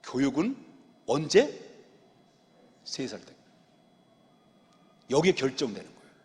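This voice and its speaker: A man's voice: mid-range voice, big pitch swings, takes it slowly, a little mellow. A man, the senior pastor, preaching an expository sermon in a church sanctuary and pressing the congregation with rhetorical questions. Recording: reverberant church hall.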